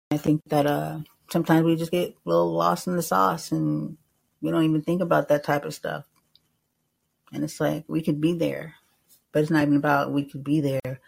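A man's voice: on the high side, creaky, a little mellow, husky, poor audio. A young man hosting a live call-in podcast, talking loosely and rambling, with a lot of filler words and some swearing. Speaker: host.

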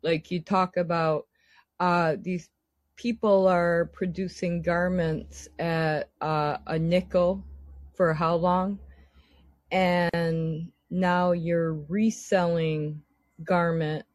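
Her voice sits on the low side with little pitch movement, and she draws out her words in an exasperated, sweary casual chat. Missing teeth make her S sounds lisp and slur, and there's no room sound.

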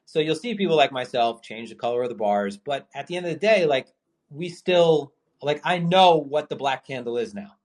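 A man's voice: medium pitch, expressive, normal speed. A man hosting a live call-in podcast with casual trading talk, who rambles with lots of fillers and restarts, swears casually and has the hiccups. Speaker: podcast host.

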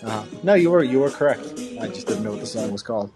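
A man in his thirties, a podcast co-host, talking in a hesitant, halting way with many restarts. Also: on the low side, animated, a little mellow, soft background music. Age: 30s. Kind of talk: casual call-in podcast chat.

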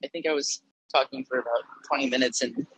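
A man speaking up in an online audio room over a bad, breaking-up connection, halting and repeating his words. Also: medium pitch, steady tone, fairly bright tone, breathy edge. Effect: breaking-up bad phone connection. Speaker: audience member invited to speak. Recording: dull lo-fi phone audio, dry.

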